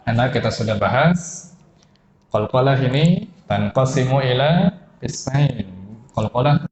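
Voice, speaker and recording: A man's voice: medium pitch, animated, measured pace, darkish tone, reverberant, rough recording. A man with an Indonesian accent teaching Quran recitation rules, quizzing his students and chanting example syllables. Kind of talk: tajwid lesson.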